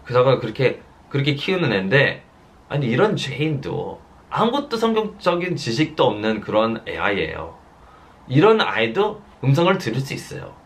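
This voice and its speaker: A man's voice: mid-range voice, very animated. Earnest man preaching a sermon. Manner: repeats phrases for emphasis, earnest storytelling; slows down to stress quoted words. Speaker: pastor.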